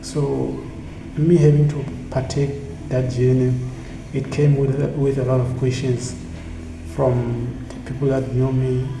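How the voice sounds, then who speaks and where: Speaking in a flat, mid-range voice with vocal fry, an earnest South African man, Tsonga being his first language, offers a reflective monologue meant to motivate. He halts and repeats himself, and as founder of a community initiative he's heard in an echoey room with a steady hum of noise.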